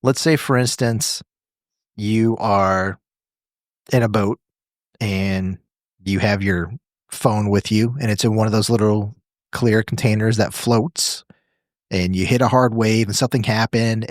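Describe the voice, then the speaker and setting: A man with a low voice lays out an idea in casual podcast chat, building long what-if examples and adding dry jokes. The recording is close on the mic with no room sound. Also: no room sound. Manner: explains with long hypothetical examples, wry. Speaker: podcast co-host.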